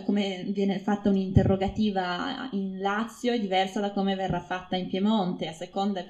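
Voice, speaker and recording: A woman researcher giving an informal talk to an audience, explaining her field with many pauses and fillers. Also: mid-range voice, a little mellow. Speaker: phonetics researcher speaking at an event. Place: room with a live audience.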